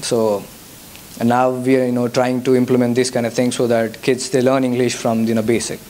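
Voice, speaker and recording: A young man from India, a native Telugu speaker with Telugu-accented English, answers audience questions as a guest speaker at a church youth service. He speaks briskly in a mid-range, level, dark-toned voice, hesitating with frequent fillers and restarts. A little hiss or hum is audible.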